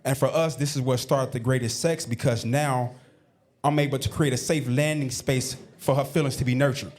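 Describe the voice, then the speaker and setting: A man's voice: medium pitch, normal speed. A married man telling a personal story to a live audience in a playful storytelling manner. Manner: storytelling, playful, animated punchlines. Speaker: married guest co-host. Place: event hall with a live audience.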